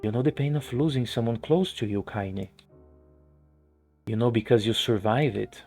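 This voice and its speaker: A man voicing a tough, foul-mouthed old grandmother who is fierce but loving, with a gruff, blunt manner. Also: mid-range voice, moderate pace, a little mellow, soft background music, lightly acted. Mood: stern, tender.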